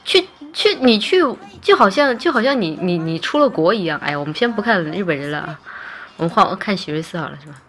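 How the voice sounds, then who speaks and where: A woman's voice: fairly low pitch, brisk. Chatty woman with a Chongqing accent. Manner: chatty, teasing, lively asides to viewers. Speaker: livestreamer. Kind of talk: casual livestream chat. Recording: faint music behind.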